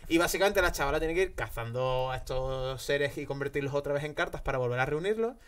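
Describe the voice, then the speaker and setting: A man, co-hosting a podcast and telling a rambling, animated story full of fillers. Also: on the high side, quick pace. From Spain. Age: 30s. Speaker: podcast co-host. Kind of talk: casual chat.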